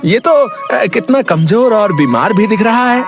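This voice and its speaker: A woman's voice: medium pitch, expressive, unhurried. A woman voicing a nosy village man in a cartoon, wheedling and haggling. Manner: wheedling, bargaining. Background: background music.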